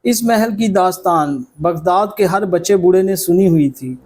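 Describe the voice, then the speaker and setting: Slow, high-voiced male storyteller. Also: background noise. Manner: measured, dramatic storytelling. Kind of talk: scripted story narration. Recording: clear background music under voice. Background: background music.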